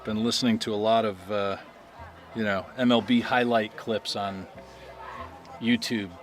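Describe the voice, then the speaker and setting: A man's voice: fairly low pitch, steady tone, a little slow, soft background music. Chatty man calling a baseball game. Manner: chatty, self-deprecating, jokes with co-host. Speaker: play-by-play announcer. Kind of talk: high school baseball commentary.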